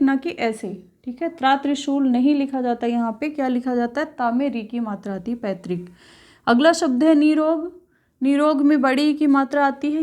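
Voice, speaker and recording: A woman with a high voice teaches an exam-prep spelling lesson. She repeats each word slowly and clearly. She keeps checking in with her students as she goes.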